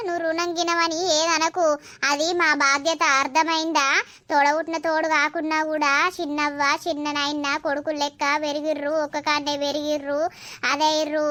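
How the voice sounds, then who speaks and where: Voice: high-pitched, bright, forceful tone, dry recording. A performer voicing a bossy, caring village woman in a cartoon who scolds and fusses, with a Telangana Telugu accent. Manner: scolding, fussing, talkative. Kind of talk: cartoon voice acting.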